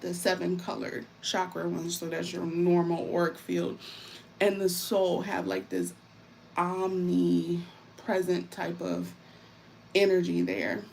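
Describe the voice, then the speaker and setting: A woman hosting a casual live stream, warmly welcoming viewers in informal talk and repeating phrases for emphasis. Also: on the low side, slow pace, vocal fry, a little hiss or hum. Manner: warm, welcoming, greets viewers by name. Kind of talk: casual live-stream chat while painting.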